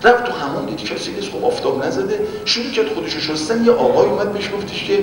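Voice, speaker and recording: Preacher man in an echoey hall. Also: lively intonation. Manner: dramatic, swings from loud exclamations to hushed whispers. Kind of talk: religious storytelling sermon. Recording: echoey hall, distant mic, faint rumble.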